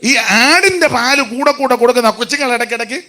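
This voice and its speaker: A man preaching a sermon in an animated way, rising to shouts and dropping to soft asides. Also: very high voice, brisk.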